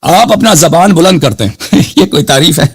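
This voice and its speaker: A man hosting a live call-in show, arguing hotly with a caller, cutting him off and reciting Arabic scripture slowly. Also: on the high side, expressive, slightly rough. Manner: combative, keeps cutting the caller off. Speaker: host. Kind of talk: heated live call-in debate.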